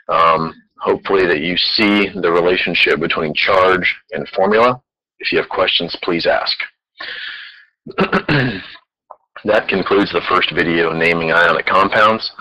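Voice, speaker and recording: A man's voice: low voice, pushed and bright, rough recording. A man teaching chemistry in a recorded lecture, explaining patiently step by step.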